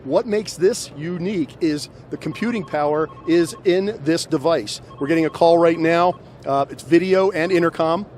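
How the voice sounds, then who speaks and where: A middle-aged man with a fairly high, darkish-toned voice talks at a normal speed with few pauses, giving a conversational promotional product demonstration into a handheld microphone. He's indoors in a large, busy trade show hall, and the exhibition crowd is clearly audible behind him.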